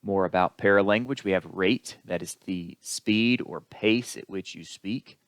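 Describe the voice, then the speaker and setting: A man giving a recorded lecture as an instructor, explaining in an unhurried way with the odd filler. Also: low voice, no room sound.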